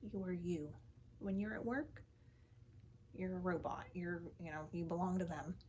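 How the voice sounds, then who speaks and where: A woman in an ASMR role-play as a calm, soothing counselor, speaking softly and often in a breathy soft voice, gently reassuring in short repeated phrases. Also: on the low side, moderate pace, slight background noise, poor audio. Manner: calm, soothing therapist manner.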